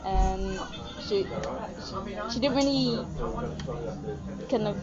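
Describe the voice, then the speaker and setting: In a casual interview, a Singaporean woman in her twenties speaks extremely slowly and hesitantly at a medium pitch, filling gaps with lots of "um" and "like." The sound is dull and lo-fi, with loud music behind her.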